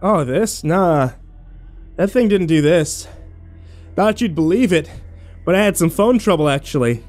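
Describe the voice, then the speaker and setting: A man plays a sarcastic, battered young man narrating his own horror audio drama, full of wry, sweary self-deprecation. His fairly high voice is animated, unhurried and a little mellow, with faint music behind it.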